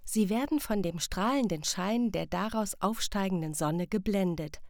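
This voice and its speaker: A woman narrating a children's audiobook in a calm, warm, evenly paced storytelling manner. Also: medium pitch, normal speed, no room sound, studio quality.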